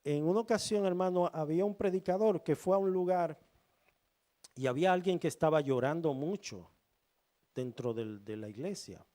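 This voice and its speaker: A man preaching a sermon as pastor, reading scripture and asking the congregation rhetorical questions in a slow, deliberate way. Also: a little high, mellow.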